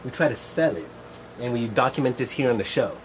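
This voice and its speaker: A man's voice: mid-range voice, fairly quick, poor audio. A middle-aged man chatting in a casual, rambling way as the host of a show. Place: shed. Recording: faint air-conditioner noise.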